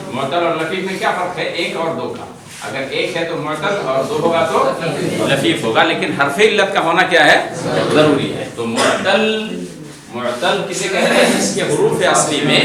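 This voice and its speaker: A man teaching a grammar class to students with an Indian Urdu accent. He asks questions and answers them himself, repeating terms over and over. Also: on the high side. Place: large classroom hall with students. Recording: very echoey hall, distant mic, crowd noise.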